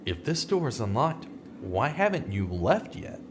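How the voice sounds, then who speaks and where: A man plays a skeptical, dogged, brooding investigator in a vintage-style radio mystery, delivering his lines in a questioning, deliberate, dramatic way with a suspicious mood. His medium-pitched voice has a sing-song quality, with some hiss or hum and music in the background.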